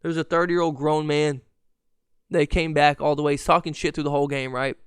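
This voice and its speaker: A man in his twenties hosting a casual sports podcast, telling a story with profanity and loud shouted reenactments. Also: on the high side, flat delivery, fairly quick, clean tone, no room sound, studio quality. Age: 20s. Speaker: podcast host.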